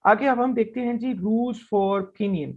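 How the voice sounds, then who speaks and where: A man's voice: high voice, slow pace, a little mellow, muffled recording. A man teaching a language lesson, explaining rules patiently and sounding out vowels one at a time.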